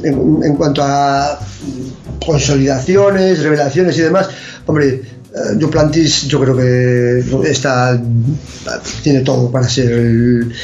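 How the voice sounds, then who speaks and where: A man's voice: medium pitch, darkish tone, slight background noise. A man speaking as an athletics expert guest, giving opinionated, analytical interview answers. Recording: roomy, dull lo-fi sound.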